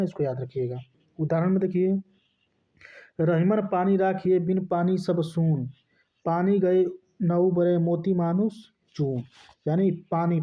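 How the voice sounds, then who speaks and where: A man teaching a grammar lesson, asking questions and answering them himself. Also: high voice. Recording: dull lo-fi recording.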